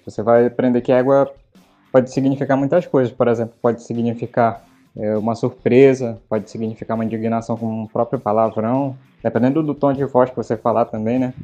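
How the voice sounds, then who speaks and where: With faint music behind him, a Belém-born podcast host speaking Paraense Portuguese chats casually and spins stories full of fillers. He talks a little fast at medium pitch, with little pitch movement and a dark tone, and the recording's highs are cut off.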